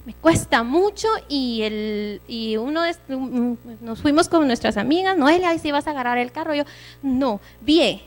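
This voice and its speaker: A woman's voice: sits high, animated, unhurried. A woman giving a church sermon, preaching earnestly and conversationally with personal stories.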